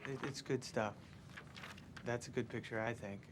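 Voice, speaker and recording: An actor playing a fed-up male office assistant who speaks calmly and deadpan. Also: medium pitch, normal speed, noisy background, close to an everyday voice. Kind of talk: film comedy acting.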